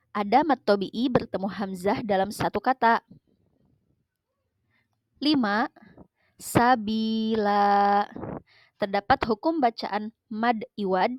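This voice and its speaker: Slow, careful woman teacher. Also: mid-range voice, no echo, low-quality recording. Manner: slow, careful, measured delivery with Quranic recitation. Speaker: Islamic studies teacher. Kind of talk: slow scripted lesson narration.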